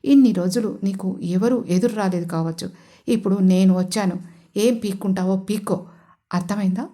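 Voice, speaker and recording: A woman plays a confident man who openly mocks his enemy. He speaks loudly, warmly and without fear. It sits inside a narrated audio romance. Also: medium pitch, normal speed, close to an everyday voice. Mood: taunting. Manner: loud, taunting. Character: confident hero confronting rival. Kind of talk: audio story character voice.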